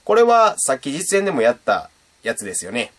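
Young guy teaching beatbox, lively up and down voice, chatty. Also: medium pitch, brisk. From Japan. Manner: chatty and animated, demonstrating sounds. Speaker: beatbox teacher and channel host. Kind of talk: casual video lesson.

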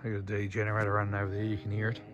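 An Australian man giving a relaxed, chatty running commentary from a catamaran, filmed on a phone. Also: on the low side, racing, muffled recording. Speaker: sailing vlogger. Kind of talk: casual narration on a boat. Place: on a catamaran outdoors.

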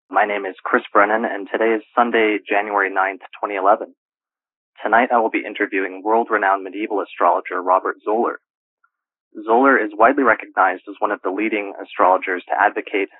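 A man hosting a radio interview, introducing his guest in a measured, formal way, heard on an old archived recording. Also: low voice, no echo. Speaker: radio show host. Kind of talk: scripted show introduction and interview questions. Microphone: played back from archive audio. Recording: tinny phone-like old recording.

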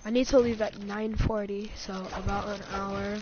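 A woman's voice: mid-range voice, flat delivery, moderate pace. Woman gamer rambling over her gameplay, yo and bro all the time, muffled lo-fi mic, game music going behind. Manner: chatty slang-filled, says yo and bro. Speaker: gaming channel host. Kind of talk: casual gameplay commentary. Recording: dull lo-fi sound with game music.

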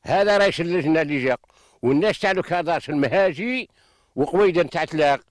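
Older algerian farmer guy, western accent, talks fast n kinda high, aggrieved, keeps repeating himself, handheld mic outside. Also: expressive, no echo. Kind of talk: impassioned on-location testimony. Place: outdoors in open farmland. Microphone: handheld reporter microphone.

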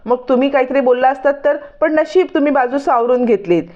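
A woman's voice: high voice, fast talker, a little mellow, lo-fi sound, pitched above the performer's own voice, close to an everyday voice. A woman voicing a flustered young woman. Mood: explaining. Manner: pleading, explaining hurriedly.

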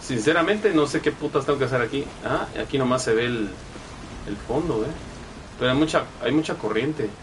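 A young man with a Guatemalan Spanish accent streams games, giving profane, chatty live commentary and reading chat messages aloud. His medium-pitched voice runs a little fast over a noisy background.

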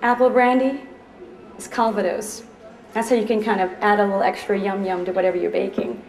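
A Trinidadian chef in her thirties, chatty and upbeat, jokes with the crowd during a live department store cooking demo. Her voice is medium-pitched, steady and darkish, moving a little fast, and the store floor echoes around her.

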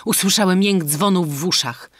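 Male narrator doing a panicked, doomed army surgeon in an audiobook, pitched up and loud, dry close sound. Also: moderate pace, no echo. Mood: fearful. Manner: raised, alarmed exclamations.

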